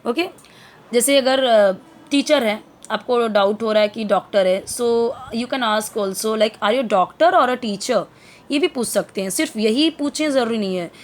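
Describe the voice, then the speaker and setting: A woman teaches English basics, mixing Hindi and English as she goes. Her voice sits a little high, and she pauses often with fillers while explaining. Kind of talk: Hindi-English language lesson.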